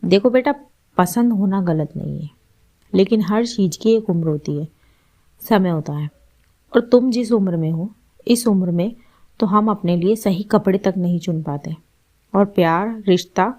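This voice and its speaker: A woman voicing a calm, caring aunt who gently reassures and advises, in a storybook reading. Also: medium pitch, unhurried. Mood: gentle.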